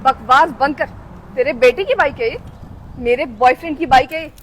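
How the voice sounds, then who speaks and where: In a melodramatic skit, a woman plays a snobbish young woman who scolds the poor and looks down on them with scorn and shrill, contemptuous outbursts. She speaks at a moderate pace, lightly acted, over a little hiss or hum.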